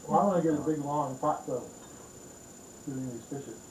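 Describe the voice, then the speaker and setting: A man's voice: a little high, normal speed, darkish tone, a little hiss or hum. A man chatting easily at a dinner table, joking about cooking. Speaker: dinner guest who cooks. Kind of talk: casual dinner-table chat. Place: room in a house at dinner. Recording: echoey room, heard from a distance.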